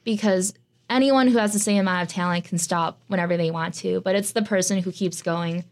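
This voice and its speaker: Speaking a little fast in a lowish, darkish voice, a young American woman who is a student answers interview questions as a guest, chatty and filler-heavy.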